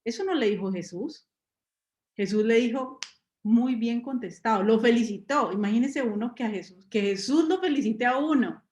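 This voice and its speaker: A woman's voice: on the high side, lively intonation, normal speed, darkish tone. A woman preacher giving a conversational sermon to a live congregation, asking her listeners rhetorical questions and drawing on everyday examples. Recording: roomy echo.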